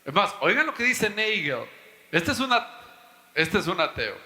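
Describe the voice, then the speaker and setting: A man's voice: sits high, very animated, normal speed, bright, forceful tone, echoey room, long reverb tail. A man preaching a teaching sermon to his congregation, emphatic, his voice leaping up to stress points. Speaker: pastor and Bible teacher.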